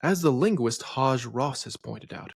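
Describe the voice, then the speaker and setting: Man, poetry lesson narration, middle-pitched voice, dry booth sound. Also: lively intonation, gravelly, breathy edge, no echo. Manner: reads lines of verse slowly with heavy stress. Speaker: poetry lecturer. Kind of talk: scripted educational narration.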